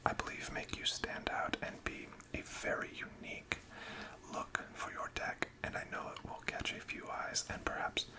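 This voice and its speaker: A whispered role-play in a breathy, unvoiced whisper, as a gentle, attentive shop assistant encouraging a customer. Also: normal speed. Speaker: ASMR performer playing a card shop assistant.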